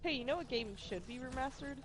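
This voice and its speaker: A woman's voice: high-pitched, expressive, fairly quick. A woman bantering playfully beside a gamer, teasing and joking as she watches. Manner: playful and teasing, jumps between joking and outbursts. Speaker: let's play co-host. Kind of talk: casual gameplay banter. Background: faint game music.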